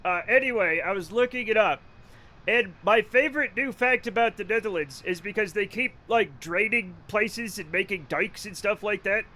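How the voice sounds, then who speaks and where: A man's voice: high-pitched, moderate pace, sharp tone. A man from Rhode Island chatting casually on a live game stream, rambling, joking, cursing freely and laughing often. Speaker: livestreamer. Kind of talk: casual live-stream chat while gaming.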